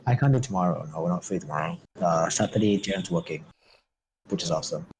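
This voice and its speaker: A man's voice: low voice, fast talker, a little mellow, poor audio. A man running a tabletop game as game master, improvising narration and chatting casually. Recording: faint background noise.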